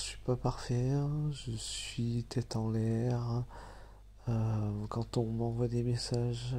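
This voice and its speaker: A man with a nasal, slightly hoarse voice, speaking softly and hesitantly in a whispered role-play. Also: mid-range voice. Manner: hesitant, soft, apologetic, with many fillers and soft laughs.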